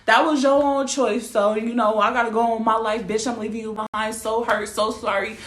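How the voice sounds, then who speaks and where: Young woman ranting to her viewers, cussing a lot, kinda high voice, echoey room. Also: level tone, brisk, fairly bright tone. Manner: blunt, profane and emphatic, often asking the viewer to agree. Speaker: vlogger. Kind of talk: casual storytelling rant to camera. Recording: roomy echo.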